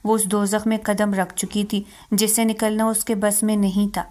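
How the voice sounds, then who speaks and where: A woman narrating a romance novel in a steady, even reading. Her voice sits at a middle pitch, and she keeps the same measured delivery throughout.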